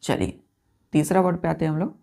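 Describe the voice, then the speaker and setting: A woman's voice: low voice, steady tone, brisk, vocal fry, dark tone. A woman teacher giving an exam-prep vocabulary lesson, spelling words letter by letter and often checking that students follow.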